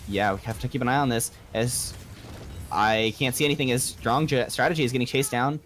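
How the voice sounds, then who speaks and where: This male commentator's pitch is medium and he speaks fairly quickly while narrating a live video game match play by play. His delivery turns excitable during action, and there's a little hiss or hum in the audio.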